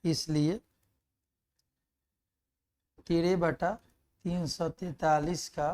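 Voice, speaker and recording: A man's voice: fairly high pitch, level tone, drawn-out words, darkish tone, a little hiss or hum. A man teaching an exam-prep math lesson, explaining step by step, asking questions and answering them himself, and reciting numbers and tables aloud.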